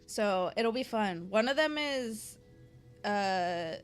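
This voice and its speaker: Chatty young woman streamer, unhurried. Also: medium pitch, lively intonation, soft background music. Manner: chatty and slangy, lots of filler words. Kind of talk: casual chat with stream viewers.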